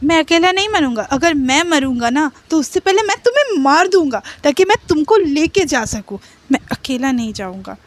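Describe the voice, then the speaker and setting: A woman's voice: high voice, sing-song, normal speed, no echo. A woman voicing a stern, hot-tempered young man who scolds his drunk lover in a firm, bossy way. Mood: angry.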